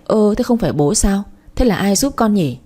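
A woman's voice: medium pitch, lively intonation, normal speed, dark tone, natural voice. A woman voicing a cheerful, curious young daughter who talks in a questioning way in a storybook reading.

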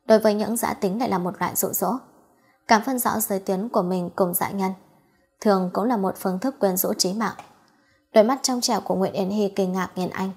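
Husky-voiced woman narrating a novel. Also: mid-range voice, a little mellow. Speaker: audiobook narrator. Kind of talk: scripted narration of a romance novel.

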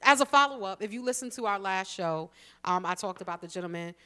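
A woman co-hosting a talk radio show, candid and storytelling, with deadpan asides. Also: mid-range voice, quick pace, clean tone. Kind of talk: casual frank chat.

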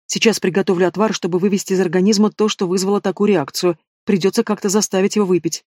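A man's voice: high voice, fairly even intonation, quick pace, a little mellow, no room sound, clean studio sound. A man voicing a humble young healer's apprentice who speaks politely and apologetically. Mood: earnest.

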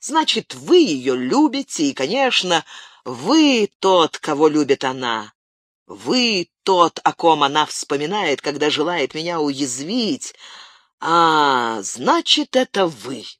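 A cold, contemptuous English lord who governs the town, as an audiobook reader puts him on. The voice moves widely in pitch and sounds dry and close to the mic. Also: very animated, takes it slowly, a bit bright, no room sound, heavily acted. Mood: agitated. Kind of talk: audiobook character reading.

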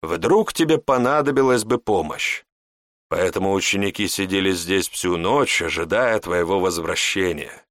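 A man voicing a calm, businesslike male mage who speaks politely and matter-of-factly. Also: low-pitched, normal speed, no echo, clean studio sound.

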